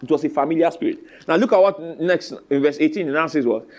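A man's voice: on the high side, fast talker. A man preaching a sermon like an emphatic pep speech, urging listeners on and throwing questions at them. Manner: call-and-response questions to the congregation. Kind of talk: sermon, teaching from scripture.

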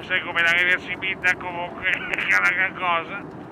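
A man's voice: high voice, monotone, normal speed, noisy background. A man calling in over the phone, rambling and teasing in crude comedic banter. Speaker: caller.

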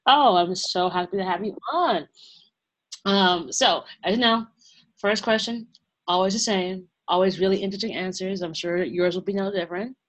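A woman's voice: medium pitch, moderate pace. A woman hosting an interview, giving brief encouraging reactions and asking questions. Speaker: podcast host.

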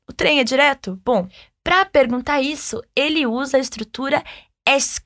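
A high-voiced woman leads a French lesson. She speaks slowly and patiently, modeling short phrases for the listener to repeat. The sound is close and dry, with no room echo. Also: a bit bright. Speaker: French teacher. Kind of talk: language lesson with repeat-after-me drills.

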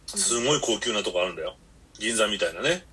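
A man's voice: lowish voice, expressive, fast talker, bright, forceful tone, breathy edge. A man hosting a podcast, telling long rambling stories in blunt casual chat. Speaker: podcast host.

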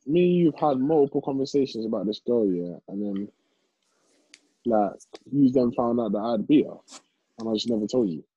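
A man's voice: medium pitch, expressive, moderate pace, husky. A young man with a London roadman accent, chatting casually in slangy, incredulous street banter. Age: young adult. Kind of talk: casual chat. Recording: muffled, roomy sound.

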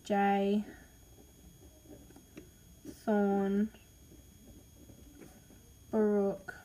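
This podcaster, an Australian-accented woman, lists name ideas in a casual voice message, hesitant, apologetic and full of ums. Her medium-pitched voice is monotone, very slow and dark.

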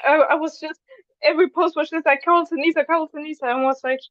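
A young woman with a high voice chats as a podcast guest, stringing thoughts together in long run-on sentences. Her audio sounds dull and lo-fi, with a dry, close sound. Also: fairly even intonation, quick pace, a bit bright, no room sound. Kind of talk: casual chat.

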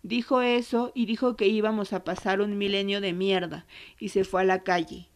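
A woman with an Argentine accent voicing a grown daughter remembering her brother's death in a quiet, low voice. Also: steady tone, moderate pace, close to an everyday voice. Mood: sorrowful.

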